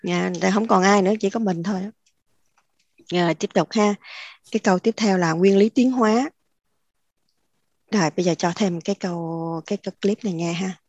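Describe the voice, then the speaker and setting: A woman's voice: medium pitch, brisk, long pauses, darkish tone, no room sound, lo-fi sound. A woman hosts a spiritual discussion. She explains through homely examples and laughs easily. Her voice is close and dry, with no room sound around it. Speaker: discussion host.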